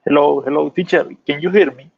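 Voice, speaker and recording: A man's voice: a little high, steady tone, fast talker, vocal fry. A man speaking as a student in an online class, heard through a bad call connection and asking politely to have things repeated. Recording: muffled lo-fi online call line.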